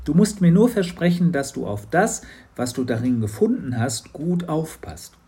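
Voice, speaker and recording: A man voicing a kindly, dreamy older woman shopkeeper in a children's audiobook, speaking gently with a lifted voice. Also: a little high, lively intonation, moderate pace, pitched above the performer's own voice, natural voice. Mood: gentle. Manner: gentle, musing.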